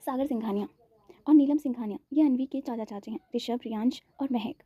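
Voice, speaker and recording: Fast high-voiced woman narrating a story. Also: slightly rough, no room sound. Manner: lively, quick narration with acted dialogue. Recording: dull, dry lo-fi recording.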